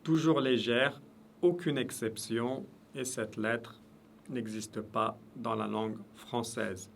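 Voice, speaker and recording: A man's voice: medium pitch, fairly even intonation, takes it slowly, vocal fry, slight background noise. A man teaching Arabic letter pronunciation, repeating each sound in patient drills. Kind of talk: pronunciation lesson.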